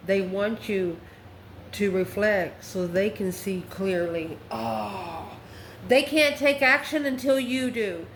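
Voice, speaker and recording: A tarot card reader with a medium-pitched, slightly mellow voice gives a casual, spontaneous reading. She speaks straight to the viewer in a conversational, exclamatory style, recorded in an echoey room with faint background noise.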